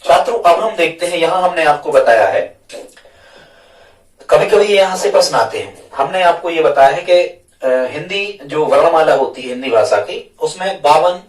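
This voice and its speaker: A man with a slightly high voice teaches a grammar lesson at a whiteboard. He patiently repeats his questions back to the students. The sound is roomy and echoey, picked up from a distance. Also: lively intonation, moderate pace. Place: classroom with a board. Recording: echoey room, mic far off.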